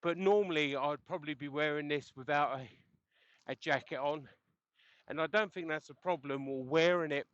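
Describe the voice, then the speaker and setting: Speaking through a helmet intercom headset mic, a cycling vlogger chats casually on the road, rambling and chuckling as he rides. His fairly high, slightly bright voice keeps a moderate pace, and the recording has no echo but sounds muffled.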